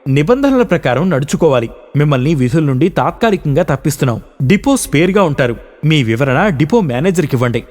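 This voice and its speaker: A man's voice: a little high, sing-song, fairly quick, darkish tone, in a large hall. A man voicing a stern male bus inspection officer who speaks curtly and by the book. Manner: curt, official.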